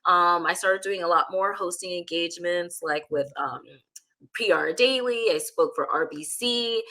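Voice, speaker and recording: A woman with a bright, forceful tone and a somewhat low pitch, talking as an interview guest. She sounds candid and animated, and she peppers her speech with "like" as she goes. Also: measured pace. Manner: candid, animated, frequent "like" fillers. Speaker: guest speaker. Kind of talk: casual interview conversation.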